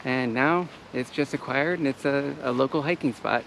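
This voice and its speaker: Guy vlogging on a hike, kinda gravelly, easygoing, talks with lots of ums. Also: mid-range voice, normal speed, a little hiss or hum. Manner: relaxed, explanatory, with fillers. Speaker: travel vlogger. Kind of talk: casual hiking vlog chat. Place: outdoor wooded trail.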